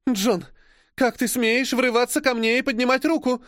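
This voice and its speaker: A man's voice: very high-pitched, fairly even intonation, slow pace, darkish tone, no echo, studio quality, pitched above the performer's own voice. A man voicing a frightened young Frenchwoman journalist, sobbing and shrieking in indignation. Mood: outraged.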